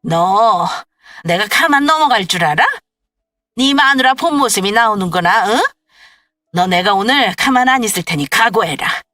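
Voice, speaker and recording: A woman voicing a haughty older mother-in-law who scolds and shouts accusations in a storytelling radio drama. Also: medium pitch, expressive, normal speed, no room sound. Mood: furious. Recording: dry, slightly distant voice with faint music.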